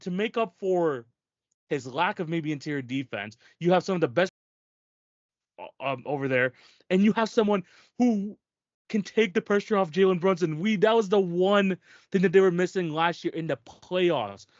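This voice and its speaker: A man's voice: sits high, expressive, moderate pace, no echo, dull audio. A man co-hosting a sports podcast, talking in casual chat with emphatic, restarting sentences. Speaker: podcast co-host.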